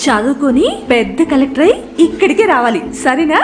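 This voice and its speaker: A woman's voice: high-pitched, very animated, brisk, over music. A dubbing actress voicing a friendly, affectionate young woman neighbor who coaxes and teases. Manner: warm, teasing, coaxing. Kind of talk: dubbed drama dialogue.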